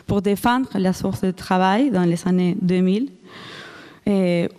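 With a mellow, clean, mid-range voice and a slightly slow pace, this Argentine woman gives an academic conference talk as a researcher. She speaks French as a second language with an Argentine Spanish accent, hesitating through frequent restarts and fillers.

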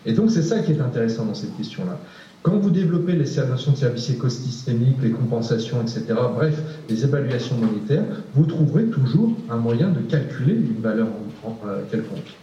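Responding to a question on a panel, a male researcher speaks in an animated, mellow, mid-range voice at a fairly quick pace, with slight background noise. He hesitates a lot, using many fillers and repeating words, in a distant, echoey, dull room recording.

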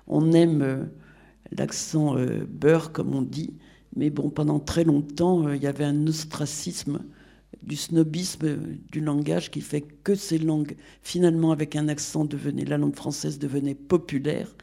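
Male panelist, slightly higher voice, mellow, opinionated. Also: flat delivery, measured pace, vocal fry. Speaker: panel guest. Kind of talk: panel discussion.

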